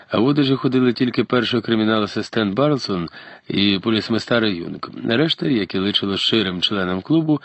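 A man narrating an audiobook in a steady, even storytelling manner. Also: on the low side, dry recording. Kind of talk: scripted narration.

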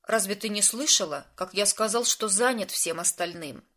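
A woman's voice: mid-range voice, normal speed, bright, forceful tone. A woman voicing a flustered young man who speaks in a grumbling, defensive way in a storybook reading. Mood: irritated.

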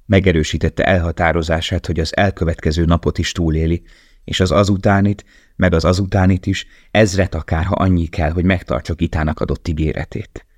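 A man reading an audiobook in a calm, measured narration. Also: deep voice, no echo, studio quality. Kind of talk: scripted narration.

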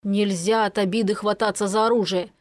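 A woman voicing a proud, lecturing man in an audiobook, slow and earnest. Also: medium pitch, steady tone, no room sound, close to an everyday voice.

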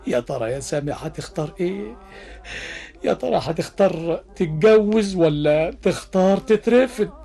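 حكواتي مصري بنبرة متقلبة. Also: male voice, high-pitched, lively intonation, normal speed, creaky, warm tone, slightly rough, exaggerated voice. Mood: anxious, teasing. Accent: Egyptian. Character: talking Egyptian pound in a student's pocket, anxious chatty storyteller. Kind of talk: theatrical storyteller narration in a radio drama.

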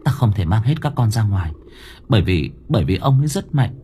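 A man's voice: on the low side, sing-song, fairly quick, husky, exaggerated voice. A man doing a stammering, frightened young woman. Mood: pleading. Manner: stammering, gentle, anxious. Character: frightened young pregnant woman soothing ghosts.

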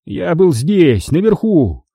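A man's voice: a little high, big pitch swings, slow, mellow, slightly rough, no room sound, studio quality, voice pushed up, full character voice. A man reading an audiobook voices a nervous, fussy middle-aged father who babbles excuses. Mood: anxious. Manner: flustered, babbling.

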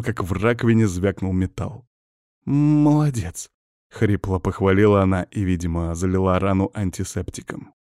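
A man narrating a first-person audiobook in an even, gruff storytelling voice. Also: lowish voice, dry recording, clean studio sound.

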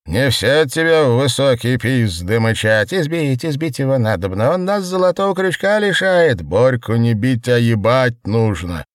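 A frenzied, roaring, grandiose man, as a male reader puts him on in a dry-sounding audiobook. The voice is pushed well above the reader's own and keeps booming out in wild exclamations. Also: very animated, normal speed, few pauses, no room sound, lightly acted. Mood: bellowing. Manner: frenzied, bellowing declamation. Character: ecstatic wild shouting man, crude and grandiose.

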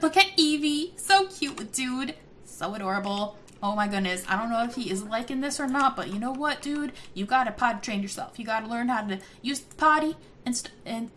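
A young woman chatting casually as she plays a life-simulation game, giggly and easily excited. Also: a little high, a little hiss or hum. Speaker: gameplay commentator. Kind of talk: casual gameplay commentary.

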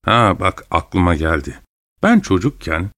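A man voicing a talkative, grumbling old grandfather with a trembling voice, speaking slowly and plaintively in an audiobook. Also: low voice, big pitch swings, fairly bright tone, dry recording, clean studio sound, pitched below the performer's own voice, exaggerated voice. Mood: wistful. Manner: slow, rambling and plaintive.

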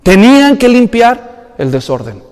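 A man preaching a sermon, acting out Bible characters in lively, colloquial voices. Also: very high voice, measured pace, big-room sound. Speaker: pastor.

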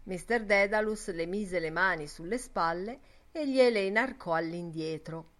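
A woman narrating a literary audiobook with an expressive, measured reading. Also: lowish voice. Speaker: audiobook reader.

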